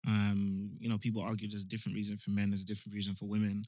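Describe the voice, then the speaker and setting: A young man with a London roadman accent chats casually and slangily, giving animated opinions like a podcast co-host. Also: lowish voice, rapid-fire, no echo. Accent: London roadman, multicultural London slang. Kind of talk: casual chat.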